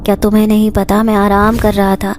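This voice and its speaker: A woman voicing a possessive male jinn who speaks in a heavy, slow, commanding tone. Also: medium pitch, monotone, darkish tone, slight background noise, close to an everyday voice. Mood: menacing.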